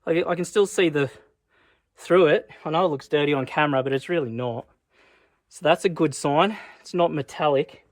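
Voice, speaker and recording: A man's voice: on the high side, normal speed, dry recording, studio quality. An Australian man chatting casually in a vlog as he works on a car, with laid-back, sweary, blokey Aussie slang. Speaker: car build vlogger. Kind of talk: casual vlog chat while working on a car.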